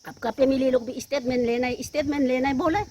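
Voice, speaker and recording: A woman from Arunachal Pradesh making an emotional public statement, pleading and reproachful, her voice rising sharply and then falling quiet. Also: sits high, fairly even intonation, fast talker. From Arunachal Pradesh, India. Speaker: woman answering allegations on local news.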